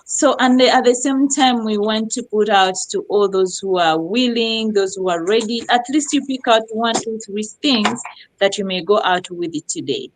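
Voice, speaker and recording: A middle-aged woman from Uganda hosting a live online talk show, lively and effusive, repeating words for emphasis. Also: mid-range voice, moderate pace, slight background noise, rough recording. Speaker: host.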